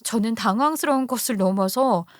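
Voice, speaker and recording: A woman narrating a dramatic first-person story in a lively, plaintive storytelling way. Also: fairly high pitch, brisk, dry recording, clean studio sound.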